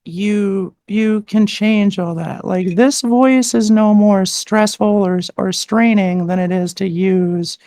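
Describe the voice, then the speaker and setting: A woman's voice: medium pitch, steady tone, slow, hardly any pauses, dark tone, dry recording. A woman voice coach explaining exercises patiently and step by step in a live-stream conversation, often filling with "like" and "um", on a desk microphone. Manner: patient, step-by-step, with frequent "like" and "um" fillers. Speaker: voice coach guest. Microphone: desktop mic with adjustable gain.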